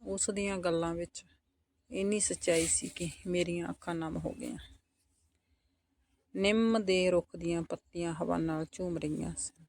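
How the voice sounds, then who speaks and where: Woman, Punjabi accent, storytelling narration, soft intimate tone, dry close sound. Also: fairly low pitch, fairly even intonation, unhurried, vocal fry, long pauses, no room sound. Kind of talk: scripted first-person story narration.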